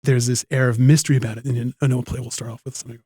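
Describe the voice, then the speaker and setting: Mellow-voiced man telling lively stories. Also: mid-range voice, rapid-fire, slightly rough. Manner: animated anecdotes with quoted voices and laughs, many restarts. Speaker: guest, noh theatre performer. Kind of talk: casual interview storytelling.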